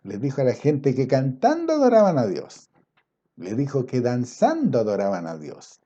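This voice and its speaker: A man preaching a sermon, swinging between loud emphatic passages and low quiet asides, and drawing out scripture quotes slowly. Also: wildly swooping pitch, muffled recording. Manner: quotes scripture in a slow, drawn-out cadence.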